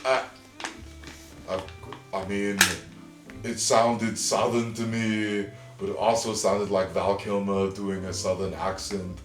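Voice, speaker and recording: A man's voice: on the low side, level tone, slow pace, over music. A man co-hosting a podcast, bantering playfully in improv comedy. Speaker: podcast co-host. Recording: echoey room, far from mic.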